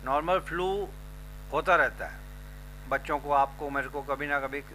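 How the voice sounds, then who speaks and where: Bright-voiced Indian man explaining news. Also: on the high side, normal speed, slight background noise, poor audio. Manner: persuasive, mixes Hindi with English phrases. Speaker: news channel presenter. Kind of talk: explanatory talk and street interviews.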